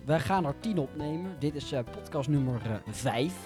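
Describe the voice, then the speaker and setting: A man's voice: on the high side, expressive, normal speed, music in the background. A man hosting an informal radio and podcast interview in a conversational way.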